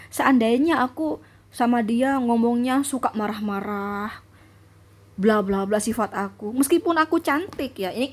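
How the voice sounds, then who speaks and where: Chatty woman reading tarot. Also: on the high side. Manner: chatty, repetitive, addresses viewers directly. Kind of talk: casual tarot reading monologue.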